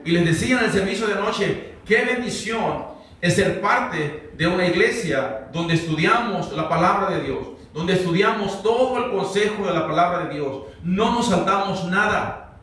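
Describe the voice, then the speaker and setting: A man's voice: high voice, expressive, moderate pace, a bit bright. A pastor teaching a verse-by-verse Bible sermon, talking conversationally and quizzing his congregation. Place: church sanctuary. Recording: very echoey hall, mic far off.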